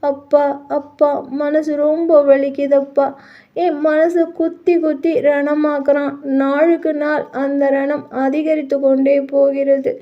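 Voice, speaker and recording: A woman's voice: high-pitched, level tone, slow. A woman voicing a heartbroken young wife who speaks in a pleading, tearful way, on muffled lo-fi audio. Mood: grieving.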